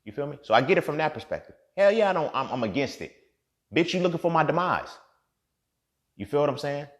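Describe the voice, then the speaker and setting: Speaking quickly with big swings in pitch, a man in his thirties gives a profane, heated podcast monologue, shifting from low mutters to loud outbursts.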